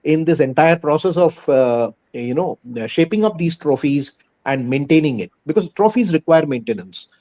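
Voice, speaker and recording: A school head with an Indian accent gives earnest, emphatic answers in a conversational interview, often repeating phrases for stress. His voice is fairly high, expressive and dark in tone, at normal speed.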